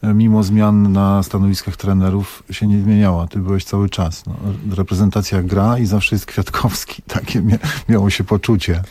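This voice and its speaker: A man's voice: fairly low pitch, level tone, normal speed, few pauses, dark tone, dry recording. A man hosting a radio interview in a studio, prompting his guest conversationally. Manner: conversational, prompts with short agreements. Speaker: radio host.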